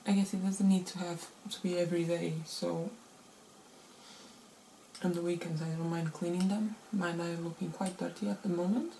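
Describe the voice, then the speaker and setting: A woman's voice: lowish voice, steady tone, normal speed, gravelly, mellow, a little hiss or hum, rough recording. Woman vlogger with a rusty morning voice. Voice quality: slightly rusty, unused morning voice. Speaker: beauty vlogger. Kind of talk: casual chatty makeup tutorial.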